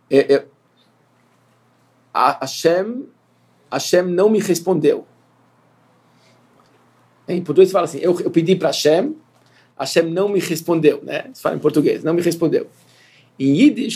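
Gravelly-voiced rabbi giving a lesson. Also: male voice, on the high side, a little mellow. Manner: earnest, repetitive, rhetorical questions, mixes Hebrew terms. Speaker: yeshiva rabbi. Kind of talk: Torah lesson to students.

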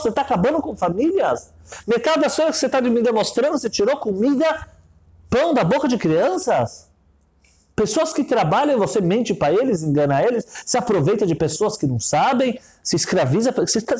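A man's voice: a little mellow, husky, full character voice. A man voicing an earnest young woman who pleads and protests in a raised, shocked voice. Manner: high-pitched and pleading.

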